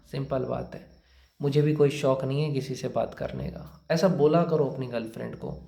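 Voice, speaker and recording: In an echoey room, a man delivers a motivational talk full of blunt, lecturing advice about relationships and careers, repeating his points to the listener. His voice is a little high and mellow, with some vocal fry.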